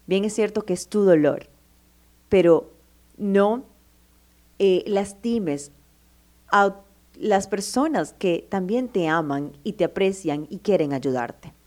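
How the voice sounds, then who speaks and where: Her mid-range voice is darkish, with lively intonation, and she talks slowly with frequent pauses. The advice speaker encourages her listener affectionately as "my love," stressing points emphatically and acting out their doubts.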